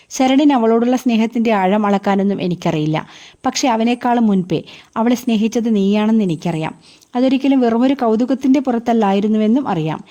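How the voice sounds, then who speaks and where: A woman's voice: mid-range voice, mellow, lightly acted. A woman reading the lines of an upset young man who confronts his friend, in a reproachful, pressing way. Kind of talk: audiobook character reading.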